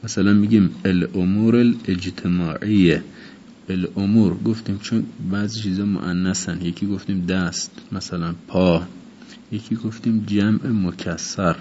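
A man teaching an informal vocabulary lesson, repeating each word slowly and explaining its meaning. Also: deep voice, fairly even intonation, dark tone. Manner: repeats words slowly and glosses them in Persian. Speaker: Arabic teacher. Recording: dull lo-fi recording with faint noise.

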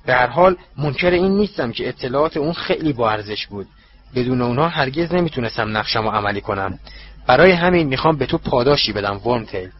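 A man doing a cold, menacing dark master. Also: medium pitch, dull audio, lightly acted. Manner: cold, slow and menacing, contemptuous. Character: cold, cruel male dark master, ruthless. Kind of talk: audiobook character voice.

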